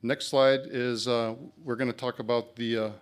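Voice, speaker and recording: A man's voice: mid-range voice, level tone, moderate pace, clear, resonant tone. A man giving a conference presentation for a club, speaking in a casual, encouraging way with plenty of ums and uhs. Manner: casual, encouraging, many fillers.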